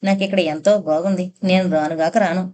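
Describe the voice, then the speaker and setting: A woman narrator voicing a playful, quick-witted young woman who teases and lightly mocks in an audiobook. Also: on the low side, steady tone, a little mellow, close to an everyday voice. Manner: teasing, lightly mocking. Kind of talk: audiobook character reading.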